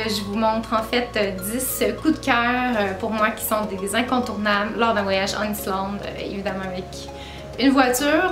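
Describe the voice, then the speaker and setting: A woman in her twenties with a Québécois French accent, talking casually to camera about her travels, with lots of filler sounds. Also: medium pitch. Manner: chatty, many filler "euh"s, laughs at herself. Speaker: travel vlogger. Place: small room indoors with string lights and bookshelf. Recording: roomy echo, music behind.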